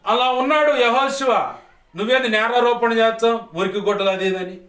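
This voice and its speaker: A man's voice: extremely high pitch, brisk, a bit bright. A man, preaching a sermon as pastor in an emphatic, repetitive cadence. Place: church hall. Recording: echoey church hall, distant mic.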